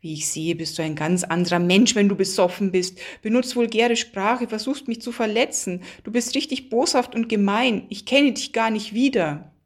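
A woman's voice: mid-range voice, expressive, moderate pace, hardly any pauses. Woman voicing an anxious, reproachful young woman. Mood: indignant. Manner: worried, reproachful. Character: anxious, prim young woman driving, easily indignant.

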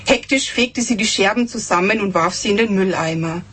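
Woman reading her novel aloud, husky. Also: fairly bright tone. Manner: acts out dialogue with raised pitch, slows for dramatic lines.

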